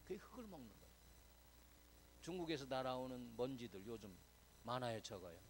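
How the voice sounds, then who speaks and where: A male pastor giving a chatty, conversational sermon, quizzing and teasing his congregation, dropping to a whisper and then swelling loud for emphasis. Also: mid-range voice, fairly quick, slight background noise, low-quality recording.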